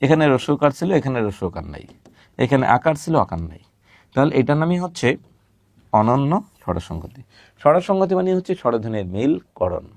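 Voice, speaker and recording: A man teaching a recorded grammar lesson at a middle pitch. He patiently repeats example words slowly and asks questions he answers himself. The sound is dry and close, with no room echo. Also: big pitch swings, darkish tone.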